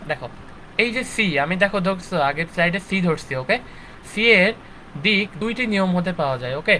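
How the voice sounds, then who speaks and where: A man's voice: high voice, lively intonation, fairly quick, pushed and bright, slight background noise, poor audio. A young man teaching a live online physics lecture, checking in with his students after nearly every point. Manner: checks in constantly with "ঠিক আছে?" and "okay". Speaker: physics instructor.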